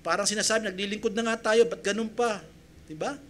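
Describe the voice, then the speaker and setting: A male pastor from the Philippines preaching a sermon, telling his own story with feeling and acting out his prayers, then building to loud, emphatic appeals. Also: sits high, steady tone, brisk. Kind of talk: sermon with personal testimony. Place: church.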